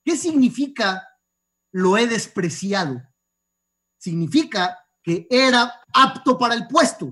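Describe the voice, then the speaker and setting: A man's voice: very high voice, slow pace. A rabbi giving a sermon, telling stories and asking his listeners questions. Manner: lively storyteller asking the audience rhetorical questions. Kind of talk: sermon with storytelling.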